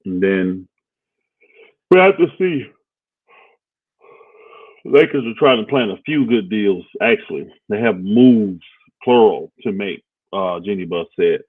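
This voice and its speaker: Low voiced guy rambling about hoops trades, lots of ums, dry tinny phone sound. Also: unhurried, husky, dry recording. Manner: laid-back, rambling, thinks aloud with fillers. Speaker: co-host of a basketball talk stream. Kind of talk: casual sports talk livestream.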